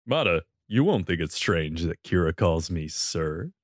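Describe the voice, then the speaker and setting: A man's voice: deep voice, big pitch swings, measured pace, no room sound, studio quality, exaggerated voice. A man reading a smug, cocky seducer.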